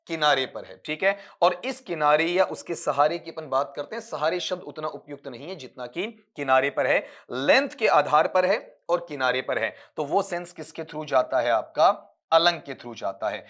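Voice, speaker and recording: Teacher with slightly high voice. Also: male voice, animated, moderate pace, few pauses, a bit bright. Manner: explains step by step, asks questions and answers them; addresses students as beta. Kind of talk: exam-prep lecture.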